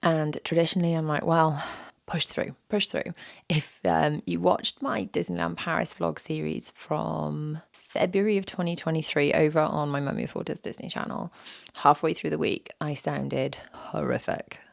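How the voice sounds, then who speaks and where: On her solo podcast, a woman in her thirties reflects aloud in a low, gravelly voice made rough by a sore throat. Her intonation stays fairly even and her pace normal, and she sounds candid and slightly self-deprecating, often repeating a phrase for emphasis. The recording is close and dry, with no room echo.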